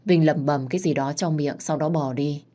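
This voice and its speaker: A woman narrating a first-person audio story in a measured, expressive way. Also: low-pitched.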